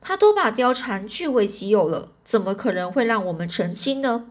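A woman's voice: on the high side, expressive, moderate pace. A lovesick young general speaks bitterly, sullen and resentful, as a woman reads his lines in a storybook. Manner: resentful, gloomy.

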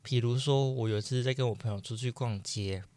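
A man's voice: medium pitch, a little fast, a little mellow. A young man hosting a solo podcast, chatty and self-deprecating, acting out the voices in his own story. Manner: chatty, self-deprecating, acts out quoted dialogue. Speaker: podcast host.

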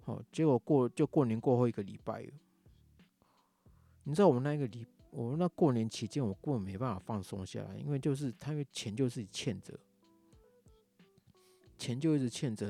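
A man's voice: medium pitch, brisk, gravelly, mellow, husky, soft background music. A man with a Taiwanese Mandarin accent, angrily ranting in a casual monologue, swearing often. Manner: angry ranting, heavy swearing. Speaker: podcast host.

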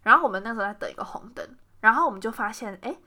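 A young woman with a Taiwanese Mandarin accent, co-hosting a podcast and telling stories in an animated way, laughing often. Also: a little high, very fast. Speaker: podcast co-host. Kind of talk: casual chat.

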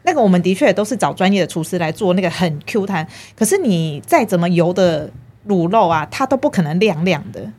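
Lively woman telling work stories. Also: lowish voice, brisk. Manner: animated storytelling, acts out her own past thoughts. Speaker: guest, film marketing producer. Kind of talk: casual interview chat.

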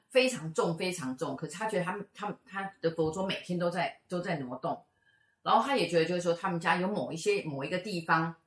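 A middle-aged woman with a low voice tells stories in a loose, chatty way. She lively acts out the people in her tales. The sound is roomy and echoey. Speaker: fortune teller and show co-host. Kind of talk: casual storytelling chat. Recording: echoey room.

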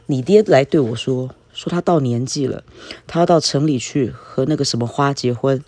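A man's voice: medium pitch, normal speed, a little mellow, dry recording, lightly acted. A man reading a novel aloud, voicing a senile old grandfather who rambles and repeats himself. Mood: rambling. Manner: repetitive, muddled.

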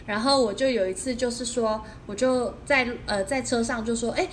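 A woman co-hosting a casual podcast, telling everyday anecdotes in an animated way. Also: a little high, moderate pace, slight background noise. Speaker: podcast co-host. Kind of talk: casual chat, storytelling.

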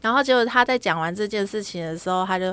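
A woman's voice: mid-range voice, fast talker, a little hiss or hum. Chatty woman telling a birth story. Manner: animated storyteller, acts out quoted dialogue. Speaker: podcast co-host. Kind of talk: casual chat, storytelling.

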